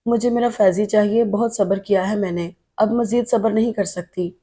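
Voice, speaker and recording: A woman's voice: medium pitch, steady tone, dark tone, natural voice. A woman voicing a grieving elderly mother in an audiobook who pleads tearfully for her lost son. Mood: pleading.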